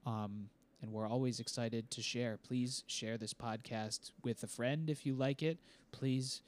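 A man's voice: mid-range voice, fairly even intonation, measured pace. Man, young adult, podcast co-host, casual chat, rambling, jokey. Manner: rambling, self-deprecating, jokey.

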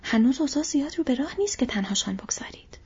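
A woman's voice: sits high, expressive, a little mellow, voice pushed up. A woman reading the part of a loyal, brave young male hobbit in an audiobook, in an earnest, eager voice. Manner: eager, raised urgent calls. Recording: dull lo-fi audio.

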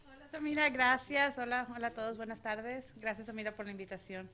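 A woman's voice: fairly high pitch, steady tone, brisk, bright, forceful tone. A woman from Sonora, Mexico, a guest on a radio show, answering in a friendly way. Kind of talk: casual studio chat.

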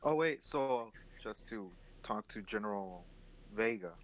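A man playing a tabletop game, speaking quietly and hesitantly. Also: fairly low pitch, expressive, measured pace. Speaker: player. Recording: loud background noise.

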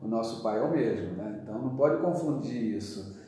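A man's voice: lowish voice, animated, fairly quick, mellow. A man who is a pastor with a Brazilian Portuguese accent, teaching earnestly and emphatically in a church interview. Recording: very echoey room, voice from a distance.

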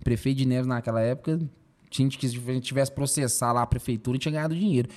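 A young man talks as a podcast guest, retelling a personal story with emotional, animated energy. His words tumble out quickly and are loaded with slang fillers. His voice sits at an ordinary middle pitch for a man.

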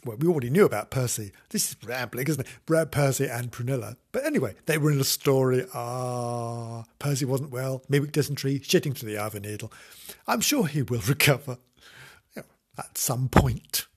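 Giggly rambling podcast host, husky man. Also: medium pitch, animated, brisk. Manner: giggly, playful, talks to himself. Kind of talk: rambling solo podcast chat.

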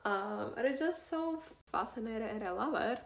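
A woman's voice: fairly high pitch, lively intonation, normal speed, creaky. Chatty teenage girl podcasting, echoey room. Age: teens. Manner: chatty, rambling, many fillers and "you know". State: talking through a sore cut cheek from braces. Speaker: podcast host. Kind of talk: casual solo podcast monologue.

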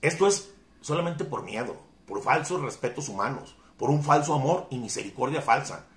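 Fervent preacher in an echoey room. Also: male voice, mid-range voice, lively intonation, normal speed. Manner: fervent, emphatic preaching with dramatic swings in loudness. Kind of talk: sermon.

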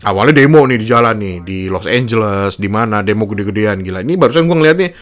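A man's voice: expressive, fast talker. A young man, telling a story in a casual monologue and voicing the people in it with a raised voice. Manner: slangy Jakarta-style speech, acts out quotes in a high voice.

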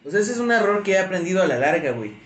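A young Mexican man with a Mexican accent, telling a story in casual chat, slangy and animated, saying güey constantly. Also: sits high, rapid-fire, echoey room, slight background noise.

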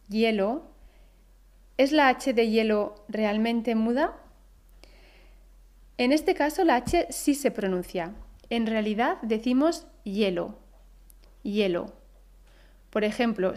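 A woman with a Spain accent hosts a scripted language podcast. Her voice sits a little high, and she speaks slowly. She says each example word with careful pronunciation. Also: darkish tone. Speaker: Spanish teacher, podcast host.

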